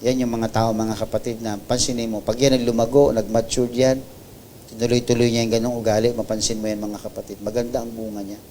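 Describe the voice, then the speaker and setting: A man with a Filipino accent preaching a sermon, building to loud, high emphasis and then dropping soft and low, mixing English phrases into his preaching. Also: little pitch movement, fairly quick, slight background noise. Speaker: pastor. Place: church service.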